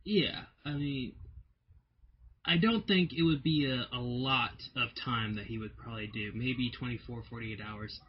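A man's voice: mid-range voice, unhurried, lo-fi sound, slight background noise. Laid-back male podcast guest. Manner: laid-back, agreeable, easygoing. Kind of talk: casual podcast chat. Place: outdoors.

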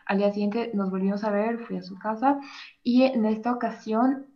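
A young Mexican woman confiding in an advice host, stopping and restarting as she searches for words. Her voice sits at an ordinary middle pitch. The recording sounds a little dull and lo-fi. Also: normal speed. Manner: hesitant, many fillers and restarts. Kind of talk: personal confession to an advice host.

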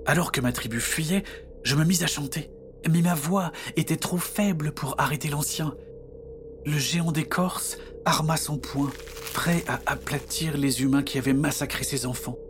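A man's voice: on the high side, moderate pace, over music. Man narrating a storybook tale.

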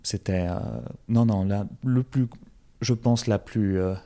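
A man's voice: on the low side, slow pace, dark tone. A young man from France with a French accent, talking as an interview guest with many fillers and restarts. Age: young adult. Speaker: guest, former campaign organizer. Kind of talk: casual interview.

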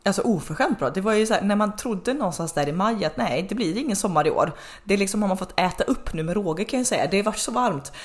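A woman in her thirties co-hosting a podcast, telling stories in a lively, chatty way. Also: mid-range voice. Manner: chatty, animated storytelling with laughs. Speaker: podcast co-host. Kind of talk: casual chat.

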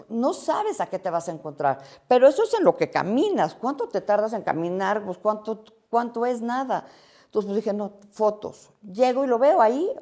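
Mellow-voiced woman telling a story. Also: mid-range voice. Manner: lively, acts out quoted dialogue. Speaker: interviewee. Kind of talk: animated storytelling in an interview.

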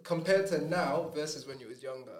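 Higher-voiced London roadman, echoey room. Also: fairly quick, darkish tone. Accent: London, urban street style. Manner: slangy, interjecting, questioning. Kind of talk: casual banter among friends. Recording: echoey room with chatter behind.

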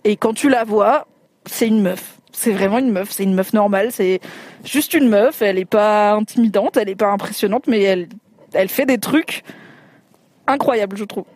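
A woman's voice: mid-range voice, normal speed, a little mellow, slightly rough. A woman co-hosting a live podcast, talking in a rambling, slangy way with many restarts. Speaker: podcast co-host. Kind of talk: casual chat.

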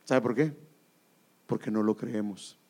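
A man's voice: fairly low pitch, measured pace, darkish tone. A man preaching a sermon, emphatic and repetitive, often asking the congregation questions.

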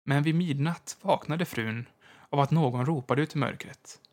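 A man narrating a ghost story aloud at a measured, deliberate pace. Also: on the high side, a little mellow.

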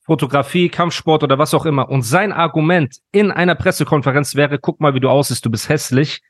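A man's voice: on the high side, brisk, no room sound, studio quality. A man hosting a podcast, ranting in a mock-serious, ironic tone in casual chat. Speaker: podcast host.

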